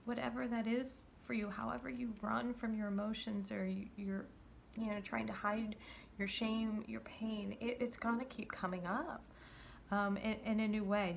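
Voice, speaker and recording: Lady doing a tarot reading, gravelly voice, gentle and stumbly, slips into whispers, bit of background hiss. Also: medium pitch, steady tone. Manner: gentle, halting, many fillers and restarts. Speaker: tarot card reader. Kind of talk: intuitive card reading to viewers.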